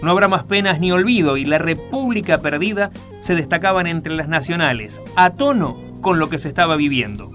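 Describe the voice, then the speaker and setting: A man's voice: fairly high pitch, expressive, brisk, a bit bright, soft background music. A man with an Argentine accent reading a scripted retrospective narration. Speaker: documentary narrator. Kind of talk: scripted narration of a year in review.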